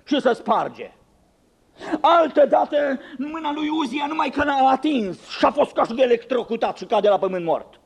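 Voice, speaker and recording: A man's voice: extremely high pitch, animated, creaky, slightly rough. A man preaching a sermon, dramatic and ironic, acting out the voices he quotes with big swings and speaking in asides to the congregation.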